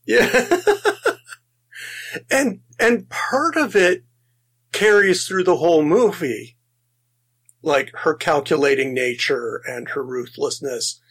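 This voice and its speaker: A man's voice: fairly high pitch, takes it slowly, long pauses, a bit bright, breathy edge. A man co-hosting a casual film podcast, enthusiastic, laughing often and restarting his sentences as he talks. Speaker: podcast co-host.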